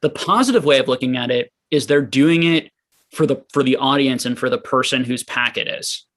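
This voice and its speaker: Stream guest: a man of middle pitch, thoughtful and halting, restarting his sentences. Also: animated, fairly bright tone. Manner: reflective, hesitant, searching for words. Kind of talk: casual live stream chat.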